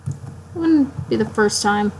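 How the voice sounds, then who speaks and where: A woman live-streaming her drawing late at night, sleepy and yawning, rambling to herself in halting, self-interrupting talk. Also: a little high, animated, slight background noise, poor audio. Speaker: art streamer.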